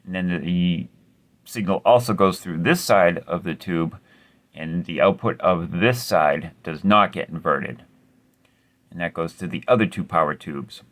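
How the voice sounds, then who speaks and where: Low-voiced man explaining amp repair. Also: a little slow, fairly bright tone. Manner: laid-back, explaining step by step with mild cursing. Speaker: amplifier repair host. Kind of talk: casual repair tutorial.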